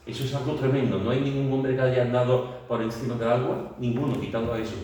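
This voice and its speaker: A man's voice: medium pitch, little pitch movement, fast talker. Man, Bible study teacher, vivid storyteller, lots of fillers, very echoey room, distant mic. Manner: vivid storytelling, acting out scenes with shouts and sound words; many fillers and restarts. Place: church meeting room.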